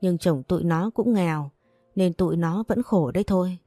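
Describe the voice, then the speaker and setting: A woman voicing a young daughter who calmly and firmly persuades her mother. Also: fairly low pitch, normal speed, no echo, faint music behind, lightly acted. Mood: persuasive. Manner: calm, firm, persuasive. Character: young daughter, resolute and self-sacrificing.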